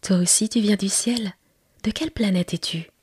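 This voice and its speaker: A curious little boy prince from a tiny planet, played by a woman in whispered role-play, his breathy half-whispered voice pitched up high and eager. He asks earnest questions, recorded close and dry with no room around him. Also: normal speed, a little mellow, no echo. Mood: amazed. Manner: higher, eager childlike questioning.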